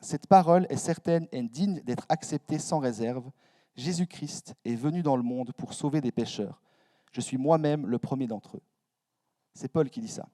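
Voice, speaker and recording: A man's voice: medium pitch, dark tone. A young man preaching a sermon in a church hall, casual and self-mocking, with slangy asides. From Switzerland.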